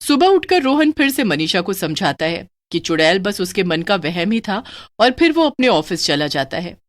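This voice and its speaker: A woman narrating a scripted horror story in an expressive, animated voice. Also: medium pitch, moderate pace, no echo.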